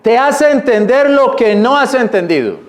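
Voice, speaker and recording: A man preaching a sermon in church, reading scripture slowly and explaining it in plain, repetitive words. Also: very high-pitched, expressive. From Colombia. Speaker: pastor.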